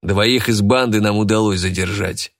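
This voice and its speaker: A man voicing a curt, hard-nosed police detective who speaks in a measured way. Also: lowish voice, fairly even intonation, natural voice.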